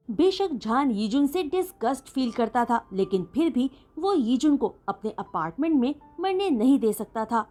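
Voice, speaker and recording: A woman retelling a fan-written romance story as an animated, dramatic storyteller. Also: fairly high pitch. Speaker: fanfiction storyteller.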